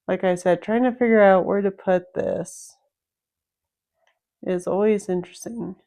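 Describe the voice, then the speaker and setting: A woman's voice: mid-range voice, fairly even intonation, unhurried, dark tone. A woman casually talking through a video game, explaining each step and thinking aloud as she plays. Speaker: gameplay commentator. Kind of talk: casual game walkthrough commentary.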